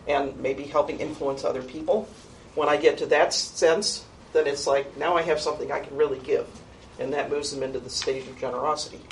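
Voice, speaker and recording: Presenting her annual report to a board, a youth program coordinator speaks in a low register and a conversational, informal way, often saying um and starting over. The audio comes from a distant mic in a meeting room with faint background noise.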